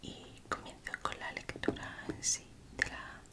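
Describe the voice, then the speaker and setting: This ASMR host, a woman whose accent comes from Spain, reads a true crime story aloud. Her delivery is a gentle, breathy whisper with no voicing, slow-paced and broken into brief phrases.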